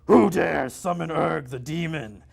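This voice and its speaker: A man reading aloud, voicing a huge male demon with slow, booming threats. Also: vocal fry, exaggerated voice. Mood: menacing. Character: hulking male demon, bellowing menace.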